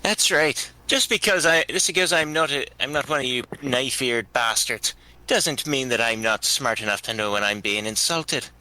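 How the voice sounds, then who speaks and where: A man's voice: medium pitch, moderate pace, sharp tone, low-quality recording. A man voicing a tough, coarse woman adventurer, blunt and swaggering. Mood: scornful.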